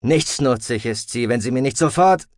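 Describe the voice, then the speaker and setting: Man doing a gruff starship pilot. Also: medium pitch, expressive, moderate pace, no room sound, clean studio sound, close to an everyday voice. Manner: curt and growling. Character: cool, gruff male starship pilot, middle-aged.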